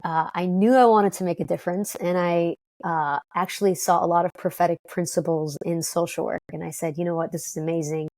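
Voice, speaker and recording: Woman guest, lowish voice, dry close sound, chatty and upbeat. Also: fairly even intonation, darkish tone, no room sound. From Detroit, United States. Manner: upbeat, fast-talking, frequent fillers and restarts. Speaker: guest, company co-founder. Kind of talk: conversational interview.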